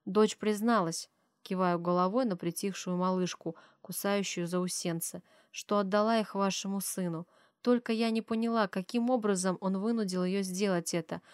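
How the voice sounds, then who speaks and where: A woman's voice: mid-range voice, fairly even intonation, normal speed, clean tone, dry recording. Woman narrating an audiobook, dry close sound. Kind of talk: first-person audiobook narration.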